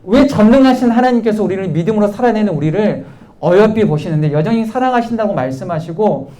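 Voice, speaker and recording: A man's voice: high voice, mellow. A male pastor preaching a sermon to a youth group, asking rhetorical questions over and over and acting out quoted voices.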